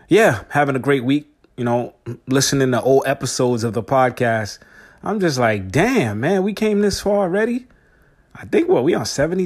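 Speaking straight to his audience, a fortysomething man runs a solo podcast in a relaxed, slang-heavy style. His voice sits in the middle range and sounds a little mellow.

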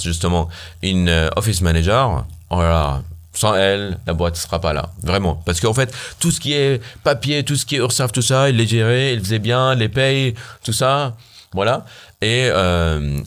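A man's voice: deep voice, clean tone. A founder from Syria, telling his story animatedly in an interview, with many fillers and restarts. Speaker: startup founder guest.

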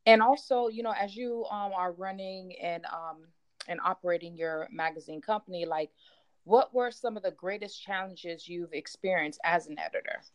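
Woman interviewer, polite and a bit halting. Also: on the low side, no room sound. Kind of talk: question-and-answer interview.

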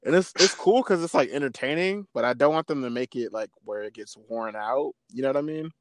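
A man's voice: mid-range voice, a little fast, no room sound. A man co-hosting a podcast, chatting casually in slang and laughing often. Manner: laid-back slang, laughs often, acts out wrestlers' lines. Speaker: podcast co-host. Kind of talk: casual wrestling chat.

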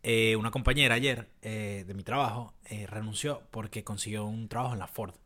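A young man with a Venezuelan accent co-hosting a casual podcast, telling stories with animated impressions, laughing and swearing a lot. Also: on the low side, normal speed. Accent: Venezuelan Spanish. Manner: animated storytelling, mimics others in raised voice; swears freely, laughs often. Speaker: podcast co-host. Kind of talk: casual chat.

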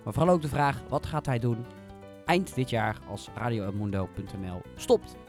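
A man's voice: mid-range voice, lively intonation, normal speed, darkish tone, soft background music. A man hosting an informal radio and podcast interview in a conversational way.

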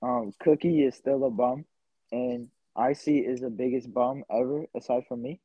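A man's voice: mid-range voice, fairly even intonation, normal speed, mellow, husky, no room sound. Young male guest, laid-back storyteller, lots of fillers; dull lo-fi mic, dry. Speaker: podcast guest. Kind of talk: casual interview.

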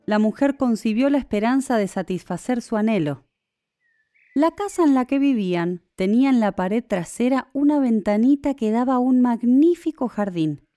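A woman narrating a classic fairy tale in a measured storytelling manner. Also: fairly high pitch, warm tone, no echo, studio quality.

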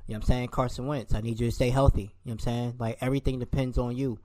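A man's voice: medium pitch, steady tone, very fast, warm tone, dry recording. A man co-hosting a casual sports podcast, ranting animatedly and calling players and coaches out. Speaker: podcast co-host.

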